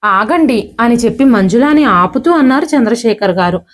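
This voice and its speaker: A woman reading a moral story aloud as a narrator, in a steady, even storybook style. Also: on the high side, normal speed.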